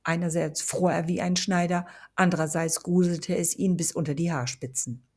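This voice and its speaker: A woman reading a fantasy novel aloud in a steady storytelling manner. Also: fairly low pitch, moderate pace. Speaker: audiobook reader.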